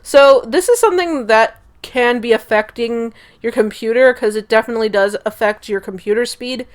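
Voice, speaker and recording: A woman's voice: a little high, normal speed. Chatty young woman explaining PC specs. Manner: chatty, self-correcting, often trails off. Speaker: gaming YouTuber. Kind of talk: casual tutorial voice-over. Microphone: desktop USB mic.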